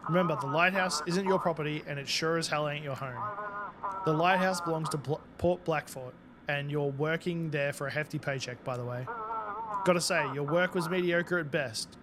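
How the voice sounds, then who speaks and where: A man's voice: fairly high pitch, moderate pace, background noise, natural voice. A man voicing a bossy, condescending port chief who mocks his worker in a video game. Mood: smug mocking. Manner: mocking, condescending. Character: taunting male port chief, smug, bossy boss.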